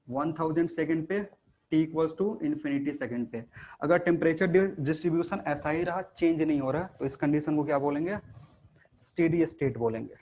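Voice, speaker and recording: A man with a fairly high voice teaches a live class. He talks students through each step, asking a question and supplying the answer himself. His Hindi is peppered with English technical terms. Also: darkish tone. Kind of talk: classroom lecture.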